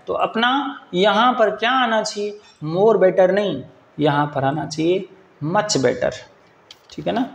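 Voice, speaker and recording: A man teaching English grammar for exams, explaining in Hindi and reading English sentences slowly, often checking that listeners follow. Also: sits high, gravelly, echoey room, rough recording. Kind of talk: exam-prep grammar lesson.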